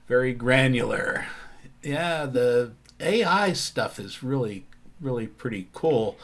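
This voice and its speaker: A man's voice: fairly high pitch, fairly bright tone. A man co-hosting a casual video call who reads out viewer comments and responds to them. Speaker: co-host. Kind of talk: casual webinar chat. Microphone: video call mic.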